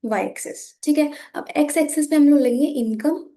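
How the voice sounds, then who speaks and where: A young Indian woman with a hoarse, sore voice, patiently teaching an economics lesson while drawing graphs and speaking softly. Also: sits high, fairly quick. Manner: patient, repeats "ठीक है" often, switches between Hindi and English.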